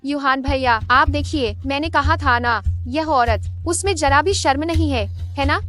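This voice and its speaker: A woman's voice: high voice, a little slow, fairly bright tone, soft background music. A woman voicing a spoiled, scheming rich girl. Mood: haughty. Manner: haughty, whiny, accusing. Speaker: voice actor in a Hindi dub.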